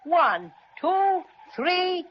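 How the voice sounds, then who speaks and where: A woman's voice: very high voice, big pitch swings, very slow, heavy background noise, heavily acted. A woman voicing a cheerful little stuffed teddy bear with an easygoing, chummy manner, in an old radio serial. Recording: muffled 1930s radio recording.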